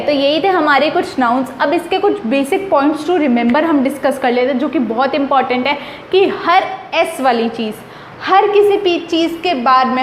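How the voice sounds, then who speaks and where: Woman teacher, high voice, chatty and emphatic, echoey room, faint hiss. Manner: chatty and emphatic, mixing English phrases into explanations. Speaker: English grammar teacher. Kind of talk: casual explanatory lesson.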